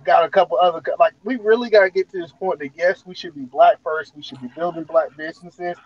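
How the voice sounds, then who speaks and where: A man's voice: on the high side, quick pace. A man on a livestream panel, sounding muffled as if talking through a wall, with a loose, joking and rambling way of speaking. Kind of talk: casual panel debate. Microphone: poor microphone on a video call. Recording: muffled lo-fi remote mic.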